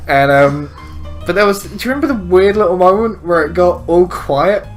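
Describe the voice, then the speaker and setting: A man's voice: high voice, animated, moderate pace, faint music behind. A man co-hosting a casual comedy show, laughing often and swearing freely. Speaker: podcast co-host.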